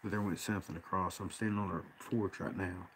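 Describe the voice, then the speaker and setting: A man's voice: sits low, fairly even intonation, fast, a little hiss or hum. A man with an Appalachian accent and a folksy country way of talking, giving casual rambling commentary on a live stream. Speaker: livestream host. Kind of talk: casual rambling commentary over field footage.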